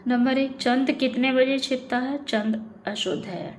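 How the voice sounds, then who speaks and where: A woman's voice: high-pitched, steady tone, a little slow, a little hiss or hum. A woman teaching Hindi grammar in a methodical way, reading each sentence and then correcting it. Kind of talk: online exam-prep lesson.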